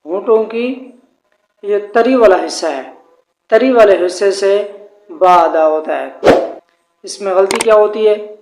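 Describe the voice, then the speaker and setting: A man teaching a tajweed pronunciation lesson, speaking slowly and formally and drawing out the letters he demonstrates. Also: high voice, darkish tone, a little hiss or hum. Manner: slow, formal address with drawn-out demonstrated letters. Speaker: Quran recitation teacher. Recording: echoey room.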